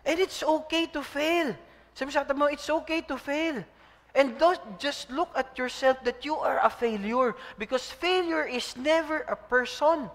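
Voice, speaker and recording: A man, a pastor preaching a lively sermon, often calling out to the congregation for a response. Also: extremely high pitch, moderate pace, big-room sound. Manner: preaching in mixed Tagalog and English, call-and-response with congregation.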